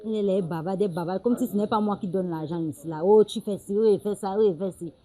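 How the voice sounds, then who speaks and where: A woman's voice: medium pitch, brisk, mellow, soft background music, lightly acted, rough recording. An actress playing a young adult daughter who brushes off her mother and talks back. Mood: grumbling. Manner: dismissive and talking back. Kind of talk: film drama acting.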